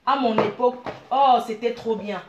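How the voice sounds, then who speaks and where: A middle-aged woman from Cameroon, giving blunt, animated advice and calling her listeners dear. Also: on the high side, normal speed, reverberant, lo-fi sound, background noise. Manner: blunt, animated, calls listeners "maman" and "ma chérie". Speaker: business owner. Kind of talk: frank advice monologue.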